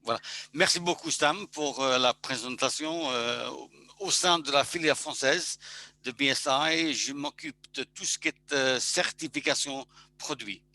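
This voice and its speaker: A male engineer giving a webinar presentation, halting and full of restarts. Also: medium pitch, sharp tone.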